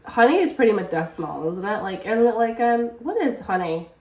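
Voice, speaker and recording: Her mid-range voice has a darkish tone and lively intonation, and she talks fairly quickly. The woman, a book vlogger nursing a stuffy cold, rambles chattily with many fillers in a casual vlog from her home kitchen, captured by a distant mic in an echoey room.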